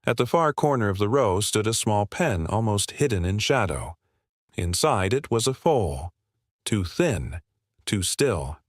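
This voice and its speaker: A man reading a heartfelt animal story aloud in a measured, steady storytelling manner. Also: fairly low pitch, no room sound, clean studio sound. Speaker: narrator. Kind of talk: scripted story narration.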